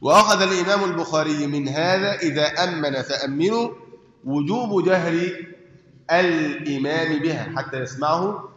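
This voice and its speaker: A sheikh teaches a hadith book in Egyptian-accented Arabic, his voice a little high and a bit bright at normal speed, with slight background noise. He explains through self-posed questions and answers and checks understanding, in an echoey hall with dull lo-fi audio.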